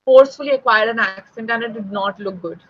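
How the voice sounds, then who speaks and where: Speaking at a quick pace in a slightly high voice, a young Delhi woman with a Delhi Indian English accent gives a conversational online spoken English lesson. She frequently asks "right?" to check in, and the audio lacks its high frequencies.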